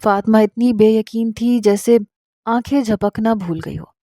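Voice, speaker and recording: A woman narrates a storybook romance at a steady pace, her tone mellow and soft. The recording is dry and close. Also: on the high side, dry recording.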